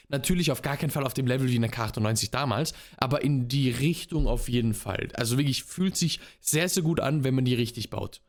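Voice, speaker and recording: A young man streamer giving casual reaction commentary, laid-back and dropping English gamer slang into his talk. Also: on the high side.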